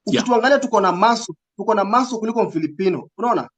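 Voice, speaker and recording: A man's voice: sits high, animated, very fast, slightly rough. A man with a Kenyan accent giving interview answers in casual, code-switching talk, earnest and emphatic, repeating phrases for stress. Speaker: recruitment agency representative, interview guest.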